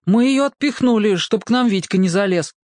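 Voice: medium pitch, a little fast, darkish tone, no room sound, studio quality, pitched above the performer's own voice, natural voice. A storyteller voicing a bold, brash boy who hurries his friend along. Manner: brash, hurrying.

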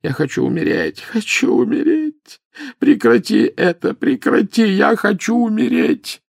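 A man voicing an elderly male wizard in agony, wailing and begging in a high, strained voice, in an audiobook. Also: big pitch swings, measured pace, gravelly, darkish tone, no room sound, studio quality, exaggerated voice. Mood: anguished pleading. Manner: wailing, pleading, shrieking high. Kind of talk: audiobook character voice.

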